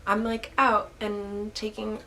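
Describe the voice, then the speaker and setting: A woman's voice: mid-range voice, monotone, slow pace, bright, forceful tone, slight background noise. A young woman with a stuffy voice, just getting over an illness, answering viewer questions about photography in a casual vlog, full of "like" and restarts. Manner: rambling, lots of "like" and restarts. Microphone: camera's built-in mic.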